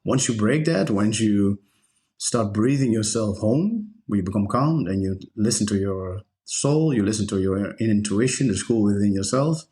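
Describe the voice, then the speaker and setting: A man whose first language is Dutch, a breathwork instructor speaking earnestly in a casual podcast chat, with halting restarts. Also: on the low side, expressive, mellow.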